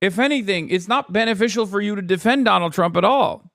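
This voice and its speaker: A man's voice: high voice, a little fast, vocal fry, fairly bright tone, dry recording, clean studio sound. A man streaming casual reaction commentary, sarcastic and mocking, swearing freely.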